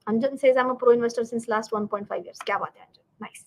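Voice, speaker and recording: Speaking fast at a fairly high pitch, an Indian-accented woman runs a live-streamed finance lesson, explaining things chattily to viewers. She's emphatic and animated, addresses learners directly, answers her own questions, and keeps checking in with "right" and "okay".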